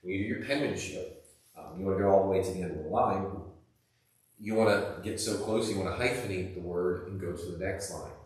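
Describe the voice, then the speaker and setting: A man's voice: deep voice, brisk, darkish tone. A male teacher giving a classroom lesson in a casual, rambling way with lots of fillers, recorded by a camera across the room. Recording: echoey room, distant camera mic.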